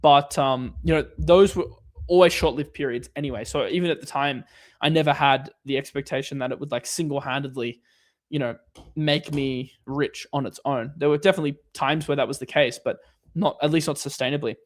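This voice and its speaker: A man's voice: medium pitch, fairly even intonation, a little fast. A man hosting a casual livestream Q&A, answering viewer questions in a loose, rambling way with lots of fillers and restarts.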